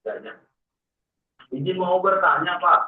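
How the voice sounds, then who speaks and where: A man's voice: high voice, fairly even intonation, a little slow. A man joining a webinar over a video call, his audio choppy and breaking up from a bad signal, speaking hesitantly. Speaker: webinar participant asking a question. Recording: tinny, distant, echoey online-call line.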